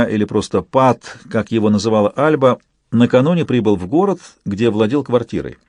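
A man reading a novel aloud in steady, measured scripted narration. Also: mid-range voice, no room sound. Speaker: audiobook reader.

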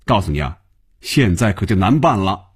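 Man playing a gruff impatient office boss. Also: lowish voice, big pitch swings, normal speed, darkish tone. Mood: lecturing. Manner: scolding, lecturing.

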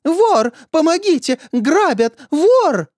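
A man putting on a frail old woman schoolteacher, courteous and delicate at first, whose voice climbs high and thin. She turns to piercing shrieks when she is scalded or robbed, lively and swooping in pitch. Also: normal speed, no echo, studio quality, heavily acted. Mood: shrieking. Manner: high, shrill when hurt or shouting. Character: elderly German woman teacher, delicate, then furious.

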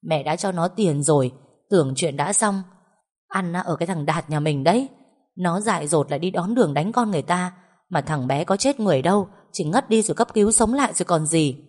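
A woman voicing a doting, quick-tempered older village mother who cries, pleads and scolds. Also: lowish voice, expressive, a little mellow. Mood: scolding.

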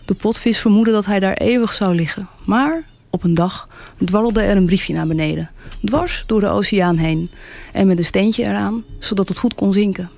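A storyteller reading a tale aloud for radio, gentle and unhurried. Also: medium pitch, vocal fry. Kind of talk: calm storybook narration on radio.

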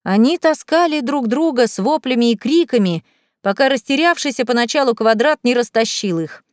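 A woman narrating an audiobook chapter in a lively, expressive reading. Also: a little high, normal speed, dry recording. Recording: dry close studio sound.

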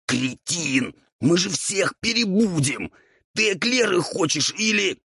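A man's voice: medium pitch, expressive, takes it slowly, fairly bright tone, slightly rough, no room sound, studio quality, pitched above the performer's own voice, full character voice. A man voicing a fussy, irritable male ghoul cook who hisses and scolds in a strained, altered timbre. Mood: furious. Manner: scolding, bossy.

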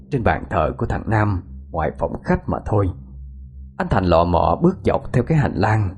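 Lively ghost-story narrator. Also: male voice, on the low side. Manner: dramatic, suspenseful.

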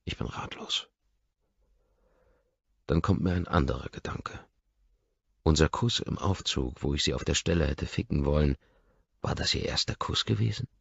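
A man reading a first-person audiobook, brooding and inward. His voice sits extremely low, husky and gravelly. The recording is dry and a little dull. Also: lively intonation, normal speed, long pauses, dry recording. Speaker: audiobook narrator.

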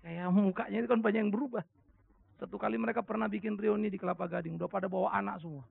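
A man's voice: racing, creaky, slightly rough. A middle-aged male pastor preaching a sermon, telling anecdotes animatedly and acting out the voices of the people in them. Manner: animated storytelling, acting out voices with big pitch jumps. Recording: dry, phone-like narrow sound.

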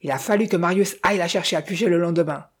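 A reader voicing a rustic village innkeeper from a detective novel, a man who exclaims and doubts, with a husky voice. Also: medium pitch, fast, close to an everyday voice. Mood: exclaiming. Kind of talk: audiobook character reading.

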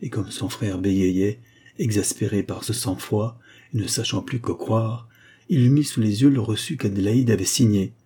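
A man reading a classic novel aloud as an audiobook narrator, steady and measured. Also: lowish voice, husky. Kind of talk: scripted literary narration.

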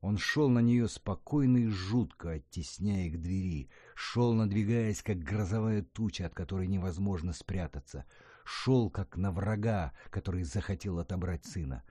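A man reading an audiobook aloud with expressive, character-rich storytelling. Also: deep voice, normal speed, slightly rough, dry recording, studio quality. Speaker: audiobook narrator.

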